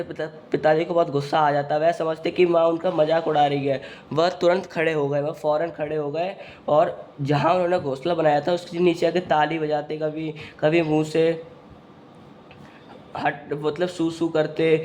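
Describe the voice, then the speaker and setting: A man's voice: on the high side, a little mellow, a little hiss or hum. A man teacher reads a textbook story aloud and retells each part, often saying "matlab" before he explains. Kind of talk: reading and explaining a textbook lesson.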